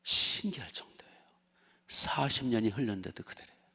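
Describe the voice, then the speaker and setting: Older male pastor, husky gravelly voice, lively story-driven sermon, long church-hall reverb. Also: on the low side, fairly quick, whispered. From Chungcheong region, South Korea. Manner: lively storytelling with rhetorical questions to the congregation. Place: church sanctuary.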